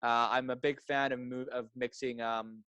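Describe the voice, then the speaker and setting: A young Canadian man, an entrepreneur guest in a casual interview, talking fast and enthusiastically and often repeating words. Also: medium pitch, flat delivery, bright, forceful tone, clean tone, no echo, rough recording.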